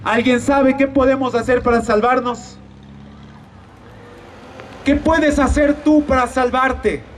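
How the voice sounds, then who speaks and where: A man's voice: extremely high pitch, steady tone, slow, distant mic, slight background noise. A man preaching an evangelistic sermon in a church, posing rhetorical questions and calling his listeners brothers and sisters.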